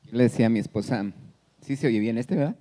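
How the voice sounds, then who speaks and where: A man's voice: medium pitch, fast. A middle-aged man with a Mexican Spanish accent, preaching a sermon as pastor and asking the congregation questions. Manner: animated, asks the congregation questions.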